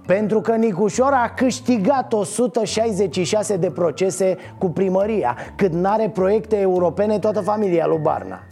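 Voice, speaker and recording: A man's voice: sits high, vocal fry, few pauses, dark tone, soft background music. A man hosting a satirical news show, delivering a mocking, sarcastic monologue.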